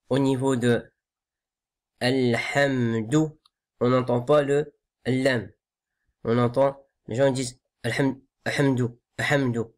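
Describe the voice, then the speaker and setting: Man, recitation teacher, unhurried delivery, patient, drills sounds over and over. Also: mid-range voice, darkish tone. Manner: slow, patient, repeats sounds to correct them. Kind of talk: tajwid lesson.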